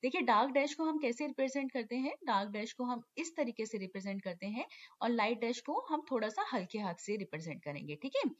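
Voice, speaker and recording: A woman's voice: on the high side, lively intonation, fast talker. A woman teaching shorthand in an online lesson, patiently repeating key terms and checking in often. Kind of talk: online lesson explaining step by step. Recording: lo-fi dull recording.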